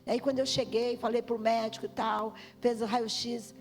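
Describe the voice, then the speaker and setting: A woman's voice: a little high, level tone, moderate pace. Dramatic woman preaching over music. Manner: dramatic, swinging from loud cries to hushed tones. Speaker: guest preacher. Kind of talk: emotional testimony sermon. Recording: music playing behind the voice.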